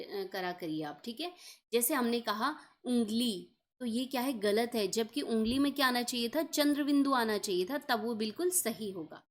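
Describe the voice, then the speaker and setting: A woman teaching an exam-prep lesson, explaining each point step by step and checking in often. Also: fairly high pitch.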